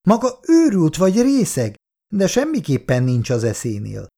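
An indignant office woman speaks coldly and snaps back in anger, as a male reader puts her on. The voice sits a little higher than his own, with a gravelly edge and lively rises. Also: exaggerated voice. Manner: cold and furious. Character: indignant, cold female office worker.

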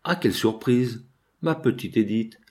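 Gentle devoted young seamstress, as a man reads her. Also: mid-range voice, animated, measured pace, natural voice. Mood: tender.

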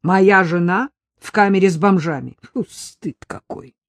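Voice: mid-range voice, a little slow, no room sound, clean studio sound, lightly acted. An audiobook reader voicing an irritated husband who scolds his wife sarcastically during a quarrel. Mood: sarcastic. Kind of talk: audiobook character voice.

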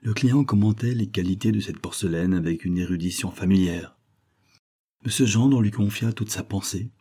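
A man narrating a short story in a measured, literary way. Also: fairly low pitch, warm tone, breathy edge. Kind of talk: audiobook reading.

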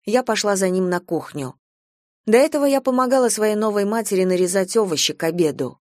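A woman reads a novel aloud in the first person, even and measured. Her mid-range voice sounds close and dry. She moves the story along steadily. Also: medium pitch, dry recording. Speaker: audiobook narrator. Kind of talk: first-person audiobook narration.

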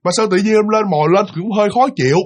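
A man telling a ghost story in a casual, lively way, acting out voices and sounds. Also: sits high, fast talker.

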